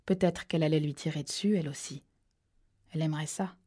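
Her deep voice carries the thriller narration with calm, measured storytelling. When tension builds, she lowers it to hushed tones.

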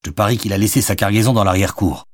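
A man reading an audiobook, voicing an exasperated, bossy father who scolds in a raised, brisk voice. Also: on the low side, no room sound, clean studio sound, pitched above the performer's own voice, natural voice.

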